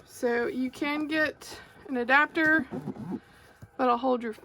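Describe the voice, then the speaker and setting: A woman's voice: high voice, steady tone, takes it slowly, sharp tone. A woman with an Arkansas Southern accent chats casually and a little hesitantly as she hosts an unboxing video, recorded on an overhead phone. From Arkansas, United States. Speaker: craft creator, unboxing host. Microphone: phone mounted overhead on a clamp.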